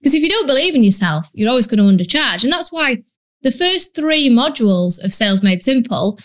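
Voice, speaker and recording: Here a Yorkshire woman speaks briskly in a slightly high, sing-song voice. As a business coach on a casual solo podcast, she's blunt and talkative, full of ums and British slang, with the accent of northern England.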